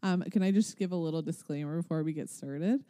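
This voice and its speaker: A woman guest chatting casually and lightheartedly, short of breath, with breathy, heavy breathing between phrases. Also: low-pitched, fast, mellow, no echo, clean studio sound. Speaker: podcast guest. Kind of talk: casual chat.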